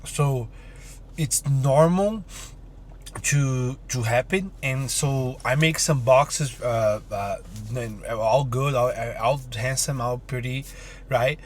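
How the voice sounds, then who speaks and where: A man in his 30s, an entrepreneur vlogger, chats casually to his phone camera, upbeat and rambling with plenty of fillers and restarts. His voice is mid-range and slow, with slight background noise.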